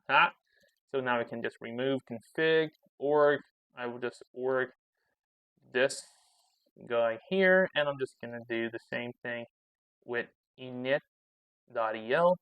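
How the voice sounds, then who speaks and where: A man's voice: medium pitch, a bit bright, no room sound. A man talking through his own coding session as channel host, thinking aloud and muttering commands as he types. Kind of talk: casual coding screencast commentary.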